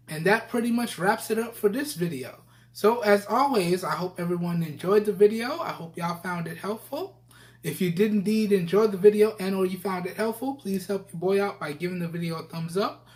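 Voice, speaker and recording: Man on a Bluetooth earbud mic. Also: high-pitched. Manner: folksy, addresses viewers with y'all. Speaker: tech review video host. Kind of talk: casual product test talk to camera. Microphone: wireless Bluetooth earbud onboard mics. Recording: bluetooth earbud headset microphone.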